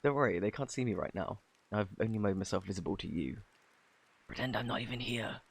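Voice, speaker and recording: Man playing bashful British Cupid, low and husky. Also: expressive, full character voice. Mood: awkward, chatty. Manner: flustered, stammering, halting, apologetic. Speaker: ASMR roleplay voice actor. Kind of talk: intimate ASMR romance roleplay acting.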